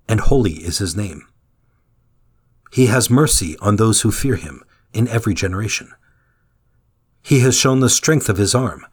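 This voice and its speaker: A man giving a calm, measured scripted reading of a daily devotional meditation. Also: fairly low pitch, slightly rough. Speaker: meditation reader.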